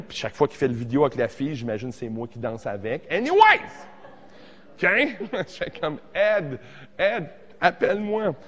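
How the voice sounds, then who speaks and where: A man in his forties with a Québécois accent, teaching a casual songwriting workshop, joking and animated, tossing in English words. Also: mid-range voice, long reverb tail. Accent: Québécois French. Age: 40s.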